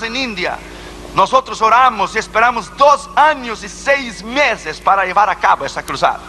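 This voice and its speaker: A man's voice: high-pitched, pushed and bright, a little hiss or hum, rough recording. Male evangelist, middle-aged, emphatic sermon delivery with a tense, ringing voice. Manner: emphatic, rhetorical questions. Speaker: evangelist preacher.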